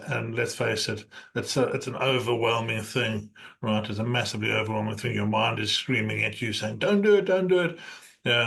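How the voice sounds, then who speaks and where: A man's voice: medium pitch, fairly bright tone. Encouraging male podcast host. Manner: encouraging, emphatic, asks rhetorical "right?". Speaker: podcast host and business coach. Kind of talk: conversational interview.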